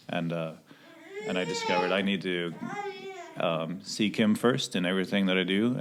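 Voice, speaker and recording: A man, a missionary answering interview questions hesitantly with many pauses and restarts. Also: deep voice, creaky, a little hiss or hum. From Sweden. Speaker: missionary pilot.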